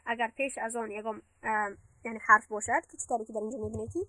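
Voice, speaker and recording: A woman teaching Arabic grammar, explaining patiently step by step and reciting verses slowly. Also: on the high side, fairly even intonation, bright, forceful tone, no room sound. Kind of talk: classroom lesson.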